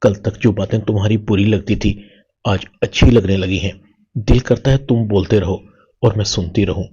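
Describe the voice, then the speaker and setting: A man's voice: fairly low pitch, steady tone, mellow, slightly rough, highs cut off. A loving young wife, read by a man. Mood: tender.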